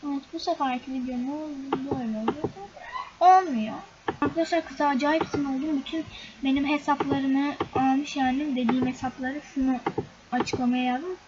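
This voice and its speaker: High-voiced chatty young woman gaming vlogger. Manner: chatty, exasperated, often addresses viewers as friends. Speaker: gaming YouTuber. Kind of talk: casual game screen-recording commentary. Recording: dull lo-fi recording with loud background noise.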